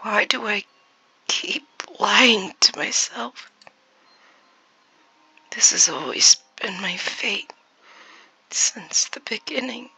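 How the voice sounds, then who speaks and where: A woman voicing a lonely, gentle young man in a forest, in a whispered role-play with a hushed, pleading voice. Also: mid-range voice, gravelly, husky, no room sound, full character voice, rough recording.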